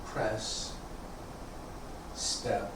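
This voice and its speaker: Guy calling out serene tai chi moves, short calm phrases w pauses, really echoey and kinda distant. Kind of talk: serene, sparse tai chi movement cues. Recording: echoey room, distant mic, background noise.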